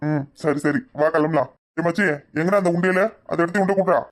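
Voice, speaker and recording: A man's voice: on the high side, fairly quick, lightly acted. A man voicing a bossy, teasing young village man, with a Kanyakumari Tamil accent.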